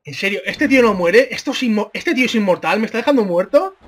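A man with a Spain Spanish accent doing excitable let's-play commentary, yelling and swearing at the game. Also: sits high, fast, husky. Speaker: gamer.

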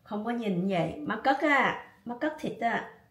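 A woman with a Southern Vietnamese accent chatting casually in a home cooking vlog, coaxing her dog in soft tones. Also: fairly high pitch, animated, measured pace, reverberant, recorded from a distance. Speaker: vlogger.

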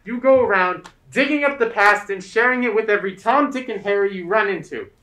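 A man's voice: high voice, a little fast. A young man acting an exasperated father who scolds his son on stage. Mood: angry. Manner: scolding, sharp. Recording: echoey stage room.

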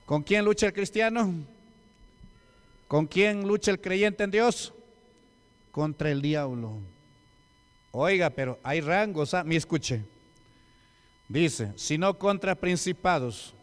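A man's voice: high voice, lively intonation, takes it slowly, long pauses. A man, a deacon giving an emphatic sermon and firing rhetorical questions at the congregation. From Peru. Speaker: deacon preaching. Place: church hall. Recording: long church hall reverb.

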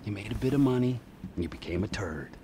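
A man's voice: fairly low pitch, lively intonation, quick pace, background noise, natural voice. An actor playing an unhinged, violent middle-aged male criminal who rants and swears in a video game cutscene. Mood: bitter. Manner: explosive, ranting, swears constantly. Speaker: volatile criminal character.

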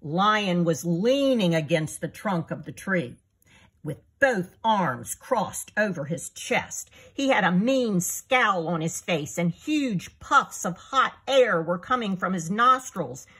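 A woman reading her own children's book aloud in an expressive storyteller manner. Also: on the low side, slow, breathy edge.

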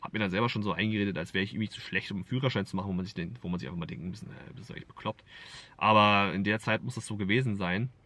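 A man's voice: fairly low pitch, very fast, few pauses, sharp tone, dry recording. A man vlogging in casual storytelling mode, rambling with lots of fillers and frequent swearing. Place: Berlin.

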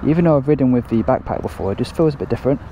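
A man's voice: mid-range voice, animated, very fast, highs cut off. Chatty man vlogging from a motorbike. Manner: chatty, rambling, explains step by step. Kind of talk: casual chat to camera while riding. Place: outdoors on a motorcycle by the road. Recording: faint road and traffic noise.

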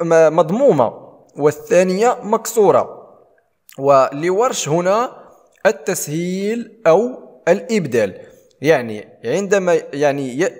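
A man teaching a tajweed lesson, explaining rules and then reciting verses slowly with long drawn-out vowels. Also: on the high side, big-room sound.

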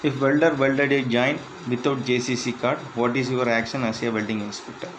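A man reading interview questions and answers aloud in a plain, measured way, with slightly halting phrasing. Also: mid-range voice, fairly even intonation, background noise. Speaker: instructor.

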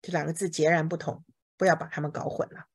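A woman teaching English words to a class, asking questions, drilling each word slowly and saying OK a lot. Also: low-pitched, steady tone, breathy edge. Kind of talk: bilingual vocabulary lesson to a class.

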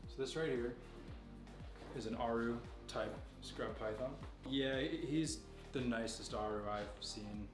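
A young man who owns a reptile facility gives a relaxed tour of an indoor room with glass enclosures, explaining the snakes with plenty of fillers but clear knowledge. He speaks at mid pitch and a little slowly, recorded off-mic in an echoey room with music underneath.

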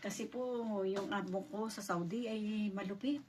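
In a vlog, a middle-aged woman from the Philippines politely narrates a personal story, performing each bit of dialogue. She speaks a little slowly in a mid-range voice, heard through a distant mic with a faint noise floor.

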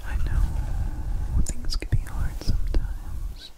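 A man giving a whispered ASMR pep talk, soothing and reassuring, speaking softly without voice up close to the microphone. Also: slow. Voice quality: unvoiced whisper. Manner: soothing, reassuring, repeats short phrases. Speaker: ASMR performer.

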